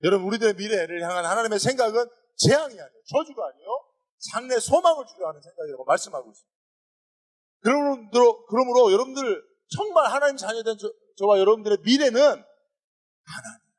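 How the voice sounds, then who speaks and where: A man preaching a sermon as pastor, animated, often addressing the congregation directly. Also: high voice, quick pace. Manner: animated preaching with calls of "여러분".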